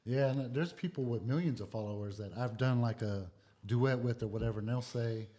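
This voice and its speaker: A man's voice: mid-range voice, brisk, warm tone. A man, a guest content creator, telling laid-back stories with plenty of swearing in a casual podcast chat.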